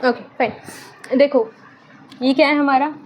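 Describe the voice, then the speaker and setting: A young woman with a high, light voice teaches biology in a chatty, mixed Hindi-English style. She poses questions and answers them herself, pokes fun at her own drawing, and a faint hum sits under the recording. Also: steady tone, a little slow, muffled recording. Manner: self-mocking about her drawing. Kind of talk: casual online lesson.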